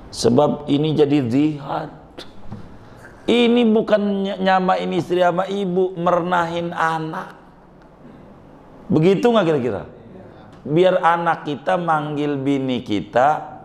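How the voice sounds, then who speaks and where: Male preacher, unhurried and gravelly, faint hiss behind. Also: a little high, a little mellow. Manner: conversational, teasing, rhetorical questions. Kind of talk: sermon. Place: mosque.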